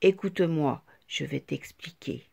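A woman voicing a gentle, loving father ink blot who speaks slowly and reassuringly. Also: deep voice, vocal fry, husky, voice pushed down, heavily acted. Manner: slow, warm, reassuring.

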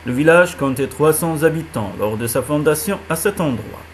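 Male narrator, calm audiobook read of a children's tale, slightly high pitch, faint noise floor. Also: normal speed. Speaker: reader. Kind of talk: audiobook reading of a children's novel.

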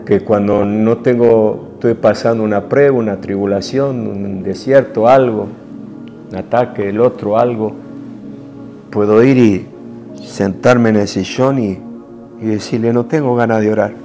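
A man with a Rioplatense Spanish accent preaching a sermon in an intimate, emotional way, moving from soft hushed passages to forceful rises. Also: on the low side, steady tone, unhurried, gravelly, faint music behind. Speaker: apostle preaching.

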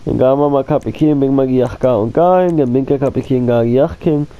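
A gaming channel host with a cold coughs now and then as he gives rambling, casual commentary on his gameplay, talking straight to his viewers as if they were friends and repeating himself. He talks fast in a mid-range voice, and the audio sounds dull.

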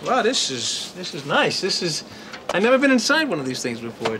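An actor playing a nervous, guilt-ridden, self-deprecating husband in a sitcom, stammering and rambling evasively. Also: male voice, high-pitched, huge pitch swings, a little fast. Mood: awkwardly polite. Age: 30s. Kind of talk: sitcom acting. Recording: noisy 1990s TV sitcom soundtrack.

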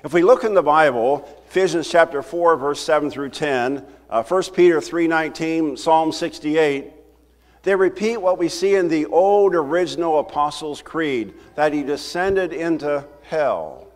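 An older man preaching a sermon from a church pulpit, talking to the congregation in a conversational, animated way. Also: a little high, normal speed. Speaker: pastor. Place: church sanctuary, at a wooden pulpit. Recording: roomy hall reverb from the sanctuary.

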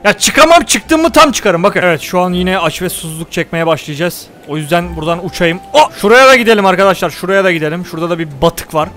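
A young gaming YouTuber plays a survival game, joking and telling viewers what he's doing while loudly exclaiming at and scolding the game. His high voice has lively intonation and a quick pace with few pauses. Soft music plays behind him.

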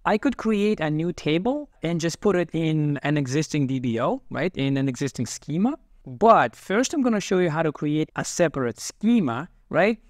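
Man, software tutorial narration, fairly high voice, dry close sound, calm and methodical. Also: normal speed, dry recording. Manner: calm and methodical, talks through each step as he types. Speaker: software instructor. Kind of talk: screen-recorded tutorial narration.

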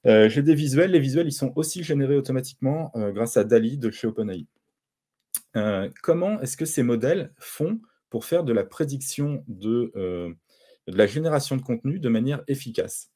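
A man with a dark, mellow voice presents at a conference, walking through his slides. He explains things patiently, often pausing and restarting his sentences. He sounds middle-aged, a native French speaker lecturing to an audience. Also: medium pitch, lively intonation. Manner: explanatory, with frequent hesitations and restarts.

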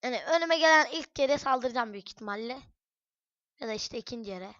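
A woman giving chatty let's-play commentary on a headset mic at home, cursing and breaking into loud shouts. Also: on the high side, lively intonation, fairly quick, no echo, highs cut off. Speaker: gaming channel host. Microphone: headset microphone.

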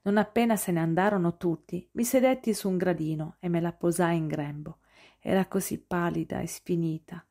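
A woman's voice: on the low side, fairly even intonation, normal speed, mellow. A woman reading an audiobook in a dramatic narration style. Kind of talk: scripted narration.

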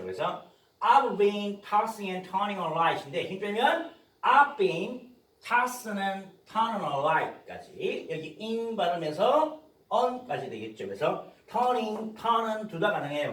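A man teaching an English pronunciation lesson to students, modeling phrases slowly and explaining quickly. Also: sits high, far from the mic, slight background noise. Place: classroom with students. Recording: echoey room, voice off-mic.

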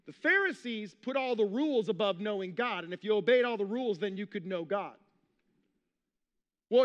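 A man's voice: sits high, a bit bright, in a large hall, lo-fi sound. A male pastor preaching a sermon, telling stories casually and then building to emphatic, repeated points. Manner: conversational storytelling, builds to emphatic repetition. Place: church sanctuary.

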